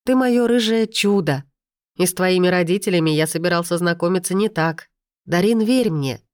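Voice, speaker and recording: A woman's voice: fairly low pitch, normal speed, a little mellow, no room sound, studio quality, natural voice. A woman voicing a confident young man who speaks firmly to his partner and rivals. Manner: firm, clipped.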